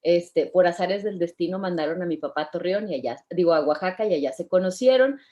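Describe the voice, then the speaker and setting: A woman's voice: on the low side, expressive, brisk, dark tone, muffled recording. Cheerful Mexican woman in her fifties. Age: 50s. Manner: cheerful, laughs often, admits nerves. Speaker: guest. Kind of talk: casual interview chat.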